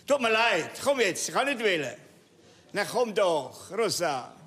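Animated, high-pitched stubborn old Swiss German man. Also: unhurried, exaggerated voice. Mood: coaxing. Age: older. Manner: exasperated, emphatic, switching into Italian. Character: stubborn, restless elderly man with Italian outbursts. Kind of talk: stage comedy-drama acting. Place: indoor theatre stage. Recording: reverberant theatre stage, faint noise.

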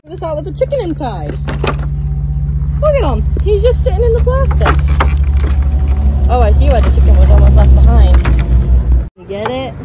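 A young woman, a parent, unboxing toys with a toddler outdoors, talking in an animated, encouraging way with frequent gasps. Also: high-pitched, normal speed, long pauses. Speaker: parent and channel host. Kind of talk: casual toy unboxing with a toddler. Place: outdoors on a gravel patio by a fence. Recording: outdoor traffic noise.

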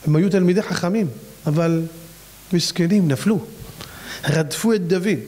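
A man, a rabbi, preaching a fiery sermon and firing off rhetorical questions with big swings in pitch. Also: a little mellow.

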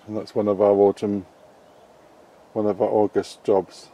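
A middle-aged British man giving a casual, chatty tour of his allotment polytunnel while filming as he walks. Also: lowish voice. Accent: British English. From England. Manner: relaxed, chatty, unhurried. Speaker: allotment gardening vlogger. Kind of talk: casual garden tour narration. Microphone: handheld camera filming as he walks.

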